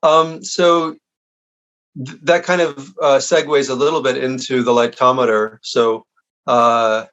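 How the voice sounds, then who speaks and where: Podcast host guy, short yeahs and halting questions, dull lo-fi sound. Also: medium pitch, little pitch movement, fairly bright tone. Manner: brief agreeing interjections, halting questions. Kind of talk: casual podcast interview.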